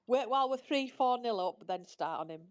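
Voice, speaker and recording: A woman's voice: a little high, lively intonation, normal speed. A woman chatting cheerfully about football on a fan podcast, giggling often. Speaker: podcast regular. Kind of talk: casual football chat.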